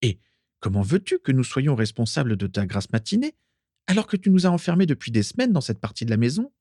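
A man's voice: medium pitch, very animated, warm tone, no echo, pitched above the performer's own voice. A determined young girl speaks firmly and snaps back answers, as a man reading a storybook puts her on. Her voice sits well above his own. The recording is close and dry. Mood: urgent. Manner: firm, quick-witted. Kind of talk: audiobook reading.

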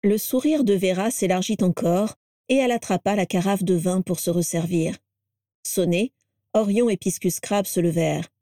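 A woman reading a story aloud in steady, expressive audiobook narration. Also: mid-range voice, moderate pace, no room sound, studio quality.

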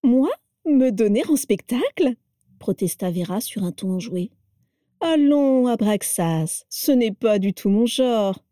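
A woman's voice: animated, moderate pace, no echo, studio quality, lightly acted. A woman voicing an exuberant, playful witch who teases and provokes, read in an audiobook. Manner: cheerful, teasing, high and bright. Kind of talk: audiobook character reading.

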